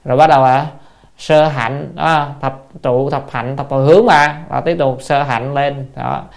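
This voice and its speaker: A dharma teacher gives a sermon lecture. The teacher poses rhetorical questions, repeats "đó" often, and slows down to stress key phrases. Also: mid-range voice, fairly even intonation, gravelly.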